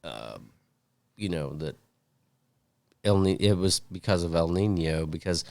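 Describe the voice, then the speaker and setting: A man talks easily in a relaxed podcast chat, pausing and hedging as he goes. His voice is very deep. The recording is dry and close. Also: gravelly, dry recording. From Indiana. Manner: easygoing, unsure, halting with fillers. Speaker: podcast co-host. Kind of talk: casual chat.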